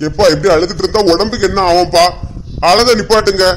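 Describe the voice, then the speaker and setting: A woman's voice: mid-range voice, quick pace, a little hiss or hum, close to an everyday voice. A woman playing a grown son who pleads with and nags his weeping father, in a Kanyakumari accent. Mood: pleading. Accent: Kanyakumari Tamil. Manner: pleading, nagging. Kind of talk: comic sketch acting.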